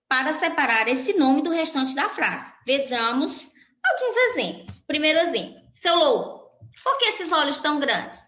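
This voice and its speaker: Bright-voiced woman teacher in an echoey room. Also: on the high side. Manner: slow, explanatory, spells out each example. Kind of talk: recorded grammar lesson for children. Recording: echoey room, dull lo-fi sound.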